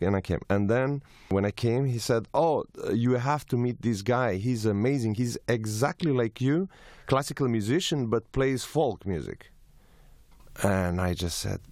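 A man from Serbia, a violinist and studio guest, telling animated stories with some hesitations. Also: on the low side, dry recording. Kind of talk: storytelling in an interview.

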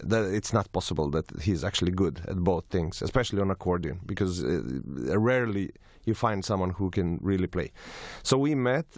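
A man from Serbia, a violinist and studio guest, telling animated stories with some hesitations. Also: low voice, moderate pace, hardly any pauses, dry recording. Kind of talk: storytelling in an interview.

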